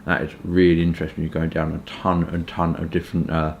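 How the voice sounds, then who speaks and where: A man from Kent with a southern English accent, chatting informally and hesitantly in a rambling casual review, with stop-start pauses. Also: rumbling low, completely flat delivery, vocal fry, dull audio, slight background noise. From Kent, England. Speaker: pipe tobacco reviewer.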